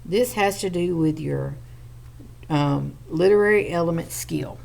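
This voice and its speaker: A woman's voice: deep voice, a little slow, gravelly, darkish tone. A woman teacher, patiently explaining a reading lesson step by step to children.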